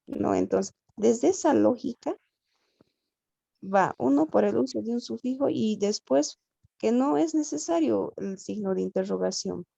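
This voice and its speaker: A woman's voice: on the high side, animated, unhurried, gravelly, warm tone, no echo. A woman from Peru, a student in a translation class, asking a question hesitantly and checking in often. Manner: hesitant, circles back with "¿no?".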